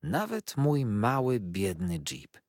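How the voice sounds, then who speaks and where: A man's voice: lowish voice, big pitch swings, a little slow, husky, no room sound, studio quality, exaggerated voice. A man voicing a young, sickly wife who speaks tenderly and coaxingly, like a spoiled child.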